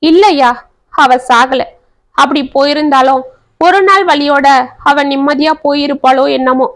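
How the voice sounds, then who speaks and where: A woman's voice: high voice, unhurried. A woman voicing a widowed village mother who laments her daughter's fate through tears in a family tale. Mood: lamenting. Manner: lamenting, sobbing speech.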